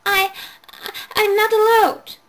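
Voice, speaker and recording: A tiny girl stammers with fear in a thin, piping voice, as a woman reads her aloud. Her pitch sits far above an adult's. This is a storybook reading. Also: level tone, slow pace, slight background noise. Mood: frightened. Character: frightened little girl, about three.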